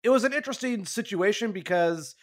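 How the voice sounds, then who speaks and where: A man's voice: high-pitched, lively intonation, brisk. A man hosting a casual sports podcast, talking in a rambling, self-correcting way while losing his voice. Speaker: podcast host.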